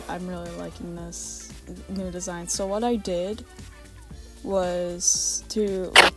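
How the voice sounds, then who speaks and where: A woman with a raspy voice giving a casual, informal vlog voice-over about her art, rambling and hesitant as she goes. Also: lowish voice. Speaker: artist presenting original character redesigns.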